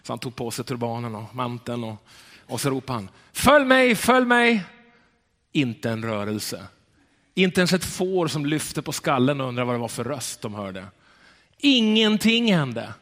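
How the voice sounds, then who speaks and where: Swedish-speaking pastor preaching in a reverberant hall. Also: male voice, mid-range voice. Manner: emphatic, slows down on key words. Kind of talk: sermon. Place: church.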